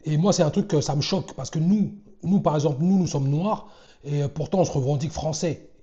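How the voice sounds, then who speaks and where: A man's voice: a little high, brisk, dark tone, highs cut off. A man casually commenting on comedy clips, talking conversationally with frequent hesitations. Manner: conversational, many fillers and restarts.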